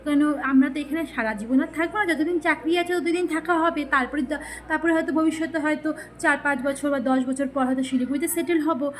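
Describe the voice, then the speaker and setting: A woman's voice: high voice, fairly even intonation, fast, slight background noise. A woman talking casually to her viewers, rambling and chatty with many fillers and restarts. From West Bengal, India. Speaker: lifestyle vlogger.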